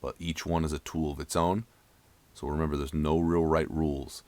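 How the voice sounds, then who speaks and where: A man coaching a guided breathing session for an ice bath in a calm, soothing, instructional manner. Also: very deep voice, normal speed. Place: voice-over with new-age music behind.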